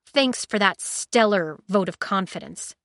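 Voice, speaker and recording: A woman's voice: medium pitch, expressive, unhurried, fairly bright tone, dry recording, clean studio sound. A woman voicing a surly, sarcastic young male royal guard. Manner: sarcastic, dismissive.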